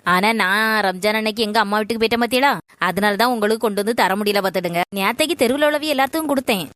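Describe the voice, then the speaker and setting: A woman playing an earnest, quick-tempered young daughter-in-law in a comedy skit. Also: mid-range voice, a bit bright, dry recording, clean studio sound, natural voice. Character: young daughter-in-law, polite then fiery.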